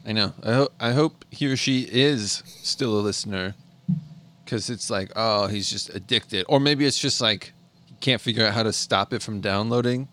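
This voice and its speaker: A man co-hosting a podcast in a casual chat, laid-back with deadpan teasing humor. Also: on the low side, normal speed. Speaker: podcast co-host.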